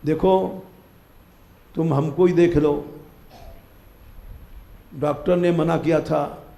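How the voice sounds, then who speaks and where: An older man delivers a live spiritual discourse, slow and deliberate, pressing his listeners to rise and be diligent. His voice sits a little high yet sounds mellow. It rings out in a roomy hall. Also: steady tone, creaky. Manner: exhorting, commanding listeners to wake up. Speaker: spiritual teacher giving a discourse. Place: temple hall, live gathering.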